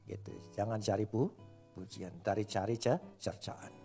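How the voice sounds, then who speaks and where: A man preaching a sermon to a congregation, animated, swinging between loud and soft and joking with the listeners. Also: on the low side, a little slow, gravelly, soft background music. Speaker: pastor.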